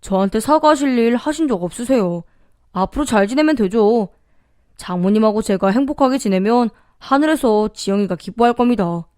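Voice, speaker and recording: A woman's voice: on the high side, lively intonation, moderate pace, darkish tone, no echo, studio quality, natural voice. Woman voicing a polite widowed son-in-law. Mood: flustered. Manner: polite, deferential speech to his mother-in-law.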